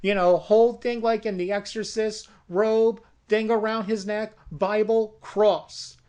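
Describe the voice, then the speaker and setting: A storyteller pitches a comic horror movie in a slow, deliberate way. The narration is dramatic, with a middle pitch, and builds tension as it goes. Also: steady tone, a little mellow, clean tone.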